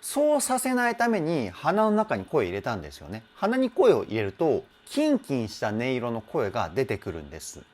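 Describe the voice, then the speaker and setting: A man's voice: mid-range voice, huge pitch swings, moderate pace, hardly any pauses. Chatty man breaking down singing technique. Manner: chatty, self-deprecating, laughs often, hums and imitates sung phrases. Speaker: vocal trainer. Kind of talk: vocal analysis commentary.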